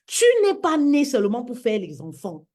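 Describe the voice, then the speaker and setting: Preaching to women during a social media live, a woman speaks at a moderate pace in a slightly high, sing-song, somewhat mellow voice. Her delivery is emphatic and repetitive, and she calls each listener "my queen."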